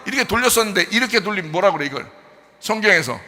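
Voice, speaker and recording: A male pastor preaches in a church sanctuary, and his high, very bright voice carries a long hall reverb. He talks to the congregation in a conversational way, full of rhetorical questions, and swings from hushed lines to loud ones. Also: lively intonation, very fast. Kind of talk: sermon.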